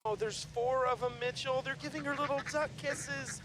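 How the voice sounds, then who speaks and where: A gushing excitable guy. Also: very high voice, normal speed, a little hiss or hum. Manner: gushing, theatrical. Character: excitable fussy man, partner of Mitchell. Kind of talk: sitcom acting.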